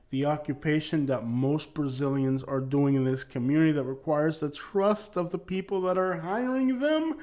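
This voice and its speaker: A man hosts an opinion channel, giving blunt, emphatic commentary on arrest records and repeating his points again and again. His voice has a fairly high pitch and is a little mellow.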